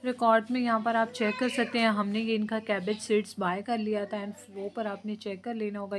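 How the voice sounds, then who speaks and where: A woman hosting her channel, narrating a screen-recorded app walkthrough in a flat, repetitive way from the region when she uses words. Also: medium pitch. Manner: flat, repetitive, with frequent fillers like guys and friends. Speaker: YouTube channel host.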